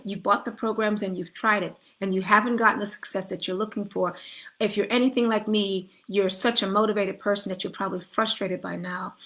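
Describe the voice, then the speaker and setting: A middle-aged life coach delivers an earnest, spiritual motivational talk directly to camera, inviting listeners to come forward and frequently restarting her sentences. Her voice is mid-range with a fairly bright tone.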